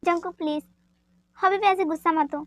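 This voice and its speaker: A woman's voice: very high voice, normal speed, dry recording. A woman voicing a reassuring young husband. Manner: calming, reassuring.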